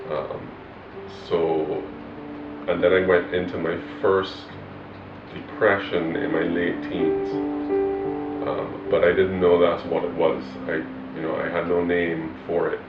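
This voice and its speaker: Man from Barbados, 40s, pastor; low voice, reflective and halting, muffled and roomy recording. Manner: hesitant, reflective, many fillers. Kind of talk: personal testimony interview. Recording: roomy, distant, muffled with loud guitar music. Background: loud guitar music.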